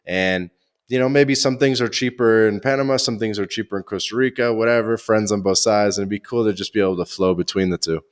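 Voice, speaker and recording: In a relaxed interview chat, a podcast host speaks quickly in a lowish voice. Eager and conversational, he keeps hesitating with "uh" and "like".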